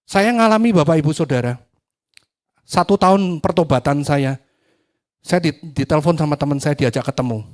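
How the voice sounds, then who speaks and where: A man preaching a sermon, telling a personal testimony with acted-out dialogue, swinging from loud to hushed. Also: fairly high pitch, moderate pace, pauses often.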